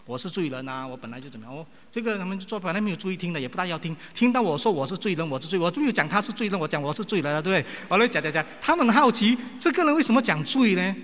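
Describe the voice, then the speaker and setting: Animated preacher man in an echoey hall. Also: high-pitched, very fast, few pauses. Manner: animated, acts out quoted people. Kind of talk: sermon with personal stories. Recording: long reverb of a large hall.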